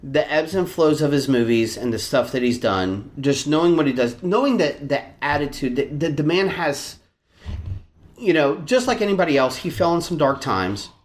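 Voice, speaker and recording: A man co-hosting a podcast, talking in a rambling, animated way with many restarts and a Virginian accent. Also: a little high, normal speed. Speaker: podcast co-host. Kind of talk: casual chat.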